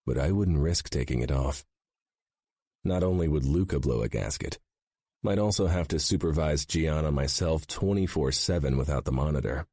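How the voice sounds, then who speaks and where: A man narrating a romance audiobook in the first person, with a low, even, intimate delivery. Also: normal speed, husky, no room sound, clean studio sound.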